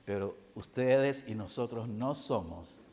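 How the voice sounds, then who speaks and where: A man's voice: medium pitch, expressive, slow. Preaching man in an echoing hall. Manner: rhetorical questions answered himself, swings from loud to soft. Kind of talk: sermon. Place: church congress hall.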